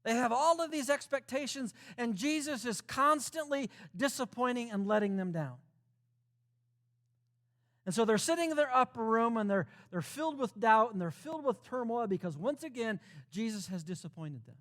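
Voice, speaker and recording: A man delivers a sermon in a strikingly high register for a male voice. He preaches conversationally, leaning on rhetorical questions and lists of repeated phrases. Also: expressive, normal speed, fairly bright tone. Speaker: pastor.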